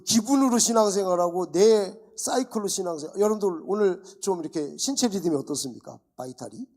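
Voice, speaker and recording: Animated male pastor with a gravelly voice. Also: high-pitched. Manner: animated preaching with rhetorical questions and acted-out dialogues. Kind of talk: sermon. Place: church.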